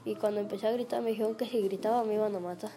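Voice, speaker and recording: A frightened young woman recounts an ordeal to a reporter, halting and restarting her sentences. Her voice sits in a middle range and comes through a clearly noisy recording. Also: medium pitch, steady tone, dark tone. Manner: hesitant, halting, with restarts and fillers. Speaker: interviewee.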